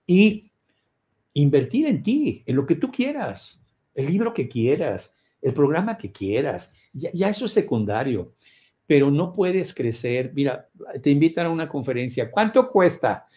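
A man's voice: on the high side, sing-song, unhurried. Emphatic man giving a motivational lecture. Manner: emphatic, rhetorical questions, acts out scenes with loud cries. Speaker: prosperity course teacher.

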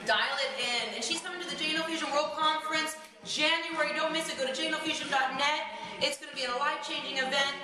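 A woman's voice: high voice, fairly even intonation, fast talker, pushed and bright. A woman hosting a photo shoot in a large indoor studio, talking in an upbeat, promotional way and coaching poses. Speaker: host running a photo shoot. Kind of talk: casual promotional chat. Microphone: camera mic from a distance. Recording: echoey studio, far from mic.

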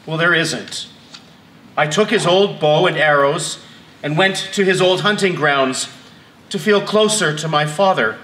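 A man playing a defensive father under police questioning on a live stage, answering in halting, stammering bursts. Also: fairly high pitch, pushed and bright. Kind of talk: amateur stage play. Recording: echoey hall.

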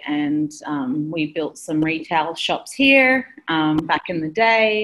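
A woman's voice: on the low side, fairly bright tone, rough recording. Enthusiastic woman on a video call. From Australia. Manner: enthusiastic, rambling, laughs often. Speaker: interior designer guest. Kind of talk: casual interview chat. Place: busy office with coworkers behind her. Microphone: laptop webcam on a video call.

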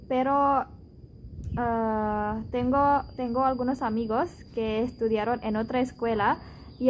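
A woman in her twenties from Indonesia, a Spanish teacher, answering interview questions thoughtfully in her learned Spanish with pauses. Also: fairly high pitch, slight background noise, poor audio. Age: 20s.

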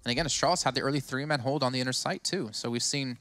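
A man's voice: mid-range voice, rapid-fire, a bit bright, no room sound. A man working as an esports caster, giving live game commentary and analysis. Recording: clear game noise behind voice.

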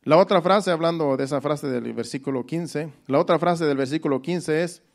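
A male preacher giving a Sunday sermon in a somewhat high voice. He works slowly through the scripture, restating each verse in everyday words. He circles back often, repeating his phrases for emphasis. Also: vocal fry. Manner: deliberate, explanatory preaching.

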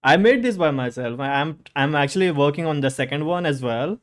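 A man's voice: a little high, animated, fairly quick. Young Indian-accented male streamer. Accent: Indian English. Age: young adult. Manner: teasing, banters with chat. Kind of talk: casual live-stream chat.

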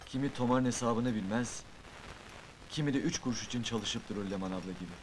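An actor playing a grumbling, quick-tempered building janitor who talks back loudly, in an old film. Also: male voice, medium pitch, natural voice, poor audio. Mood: gloomy, wistful. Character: grumbling young working-class man, quick-tempered. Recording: 1980s film soundtrack with faint hiss.

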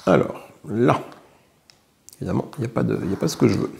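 A man's voice: lowish voice, animated, quick pace, creaky, darkish tone, a little hiss or hum. A man with a French accent playing a solo board game, thinking aloud as he counts dice and swears lightly at bad rolls. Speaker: board game player narrating his solo play.

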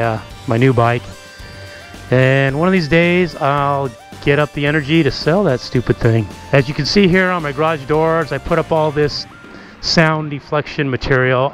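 Chatty man touring his garage. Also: medium pitch. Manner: relaxed, chatty, many ums and asides. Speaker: motovlogger. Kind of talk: casual garage tour. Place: garage at home, indoors.

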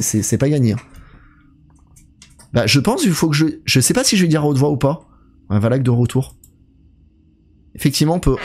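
A man's voice: mid-range voice, darkish tone. A man giving live commentary while he plays a horror game, chatty and talking straight to his viewers, reacting aloud to the scares. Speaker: horror game let's player.

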